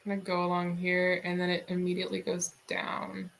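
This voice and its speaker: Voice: mid-range voice, completely flat delivery, moderate pace, vocal fry, fairly bright tone. A streamer in a casual drawing stream, musing aloud and swearing casually.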